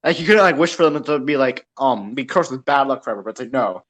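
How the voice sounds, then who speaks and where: A man's voice: mid-range voice, animated, fast, fairly bright tone. A young man chatting casually on a podcast with friends, rambling and laughing, full of restarts and fillers.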